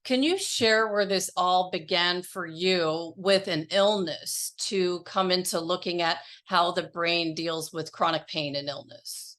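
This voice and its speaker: A woman podcast host, born in England, reading a scripted introduction and then interviewing a guest in a measured, enthusiastic manner. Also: lowish voice, fairly even intonation, a bit bright.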